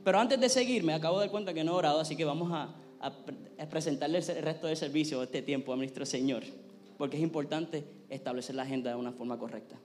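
Male pastor, high voice, fervent sermon and prayer, long reverb in the sanctuary. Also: steady tone, fast talker, darkish tone. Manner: preaches with rising intensity, prays fervently. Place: church sanctuary. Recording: long hall reverb, faint music.

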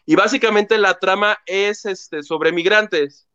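Animated high-voiced man. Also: takes it slowly, clean tone, highs cut off. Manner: animated storytelling, acting out quotes. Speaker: host. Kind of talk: casual gossip chat.

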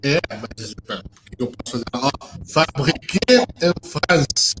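A man's voice: mid-range voice, animated, a little slow. A man joking around as co-host on a live online chat, his voice coming through a video call that keeps cutting in and out. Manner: joking, playful banter. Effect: choppy online audio, sound cutting in and out. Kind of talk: casual chat. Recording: noisy, choppy video-call audio.

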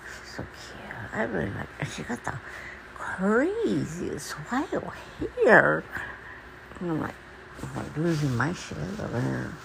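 A woman with toothless, gummy articulation, as if gumming soft food, rambling in a halting, repetitive, confiding monologue. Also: sits low, big pitch swings, creaky, noisy background. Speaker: personal podcaster. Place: at home.

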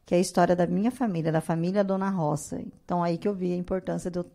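A woman's voice: fairly low pitch, rapid-fire, vocal fry. A woman in her thirties from Brazil, a guest on a casual podcast, telling stories and acting out quotes in a raised voice. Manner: animated storyteller, acts out quotes in a raised voice. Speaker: guest, artisan biscuit maker.

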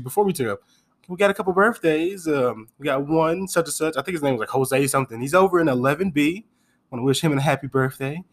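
A man with a somewhat high voice co-hosts a podcast, spinning loose, profane travel stories. He talks with lots of energy and breaks into laughter often as he goes. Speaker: podcast co-host. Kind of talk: casual chat.

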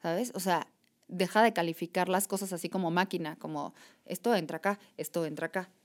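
Woman guest, animated reflective conversational delivery. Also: lowish voice, fairly quick. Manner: animated, reflective, repeats "o sea" and "¿sabes?". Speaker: podcast guest. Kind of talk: casual conversation.

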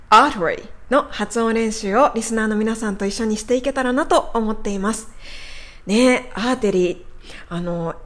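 A woman hosting an educational radio lesson as a pronunciation coach. She explains politely and repeats words slowly. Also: fairly high pitch.

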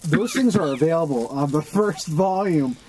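A man's voice: a little high, animated, moderate pace, a little mellow, slight background noise, rough recording. A man co-hosting a podcast, chatting casually and joking at his own expense. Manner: laughing through hiccups, self-mocking. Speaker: podcast co-host. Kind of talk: casual chat.

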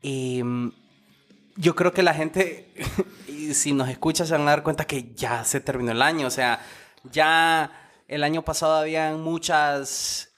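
A man's voice: on the high side, steady tone, measured pace, a bit bright, faint music behind. A young man, chatting casually as a podcast co-host in a loose, rambling, slangy way with many restarts. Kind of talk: casual chat.

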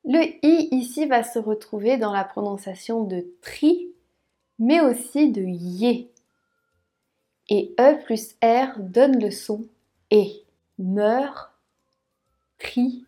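A woman teaching French pronunciation, repeating words slowly syllable by syllable. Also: a little high, expressive, warm tone. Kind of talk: slow, careful pronunciation lesson.

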